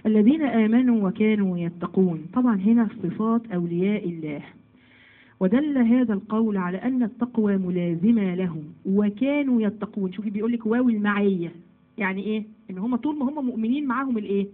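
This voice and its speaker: Speaking fast in a mid-range voice with an Egyptian Arabic accent, a religious teacher gives a lesson on Quran commentary to women. She keeps it lively, posing questions and then answering them herself. The audio sounds narrow and tinny.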